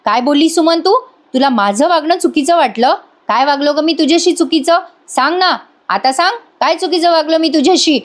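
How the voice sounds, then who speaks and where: A bullying, hot-tempered husband who shouts and mocks his wife, as a woman reading a recap puts him on. The voice sits high. It is a plain voice-over read with little disguise. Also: brisk, close to an everyday voice. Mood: angry, mocking. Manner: shouting, mocking.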